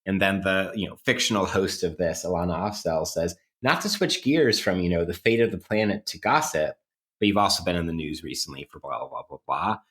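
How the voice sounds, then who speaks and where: With a low-pitched, fairly bright voice and a fairly quick pace, this man co-hosts a podcast. He reasons through ideas in an academic, conversational way, qualifying and hedging often.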